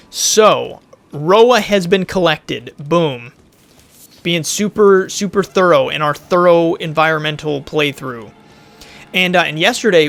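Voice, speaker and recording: Gravelly-voiced man chatting over gameplay. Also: a little high, a bit bright. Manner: chatty, rambling, thinks aloud. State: losing his voice a bit. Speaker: gaming YouTuber. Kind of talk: casual let's-play commentary.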